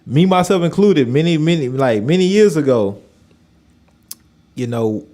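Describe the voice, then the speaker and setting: A man's voice: fairly high pitch, animated, a little slow, dark tone. A man interviewing in a reflective, colloquial way, repeating his phrases and often voicing agreement. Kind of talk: conversational interview.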